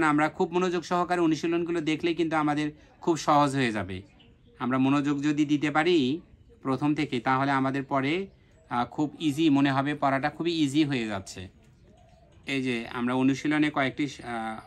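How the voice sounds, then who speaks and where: A man teaching Quran pronunciation in Bengali, slowly sounding out letters and syllables and repeating them for learners to copy. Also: on the high side. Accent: Bangladeshi Bengali. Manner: drawn-out letter drilling with repetitions. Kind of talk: slow spelled-out pronunciation drill.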